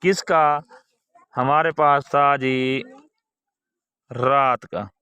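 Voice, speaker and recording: A man's voice: mid-range voice, steady tone, drawn-out words, bright, forceful tone, clean tone, no room sound, highs cut off. A man teaching a recorded lesson to young children, patient, repeating key words and asking quiz questions.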